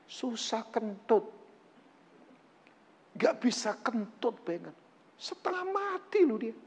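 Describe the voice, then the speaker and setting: Animated preacher in an echoing hall. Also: male voice, extremely high pitch, slow, breathy edge. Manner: animated preaching with jokes and acted quotes. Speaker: pastor. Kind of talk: lively sermon.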